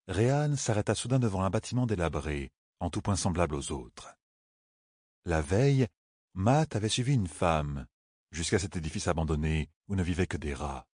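Deep husky male audiobook narrator. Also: darkish tone, no echo, clean studio sound. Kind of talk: scripted narration.

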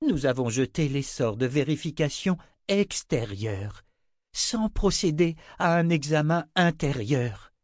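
A man voicing a timid woman of a religious order who speaks softly and hesitantly. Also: low voice, very animated, unhurried, no echo, clean studio sound, voice pushed up, full character voice. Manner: soft and hesitant.

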